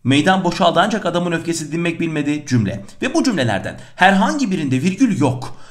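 A middle-aged man teaching a lesson on punctuation, animated, asking questions and answering them himself. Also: on the high side, a little fast. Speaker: Turkish teacher. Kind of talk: lively lesson on punctuation exercises.

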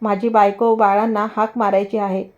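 A woman's voice: mid-range voice, flat delivery, moderate pace, darkish tone, highs cut off, close to an everyday voice. A woman voicing the frightened, wailing soul of a dead man who cries out and pleads for rescue, in a storybook narration. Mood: pleading. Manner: pleading, crying out.

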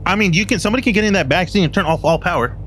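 A man chatting casually with friends while gaming, laughing constantly and getting excited. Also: high-pitched, racing, slight background noise. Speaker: gamer. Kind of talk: casual gaming banter over voice chat.

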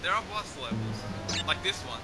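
A man playing a video game and chatting casually, excitable and quick to laugh. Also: mid-range voice, faint music behind. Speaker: gameplay co-commentator. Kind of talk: casual playthrough banter.

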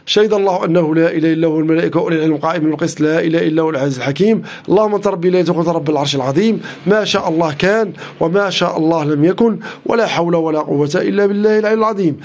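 A man's voice: high-pitched, a little mellow. A man with a Moroccan Arabic accent, working as a healer and reciting a long healing incantation in a rhythmic, repetitive chant. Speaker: Islamic healer.

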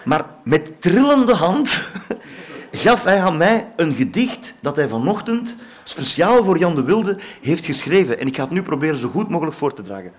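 A man's voice: fairly high pitch, sing-song, normal speed. Playful Flemish man reciting a comic poem. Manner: playful, theatrical reading. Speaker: speaker at an award ceremony. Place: event hall.

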